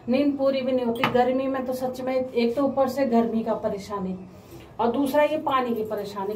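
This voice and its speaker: A woman chatting casually to her viewers in a home vlog, speaking slowly because of sore mouth ulcers. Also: fairly high pitch, a little mellow, echoey room, far from the mic, slight background noise. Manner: chatty, often addresses viewers as guys. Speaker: family vlogger.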